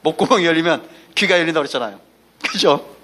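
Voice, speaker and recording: Here the male pastor sounds on the high side, animated and fast, with a bright, forceful tone. Folksy and emphatic, he drifts through asides and anecdotes during his Sunday sermon, pausing to call for congregational responses.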